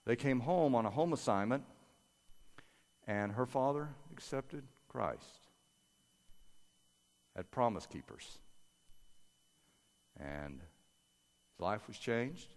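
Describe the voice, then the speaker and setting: A man's voice: mid-range voice, lively intonation, takes it slowly, long pauses. Older male pastor preaching in a hall. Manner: earnest, prays aloud softly then preaches with rising energy. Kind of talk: sermon. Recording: long reverb of a large hall.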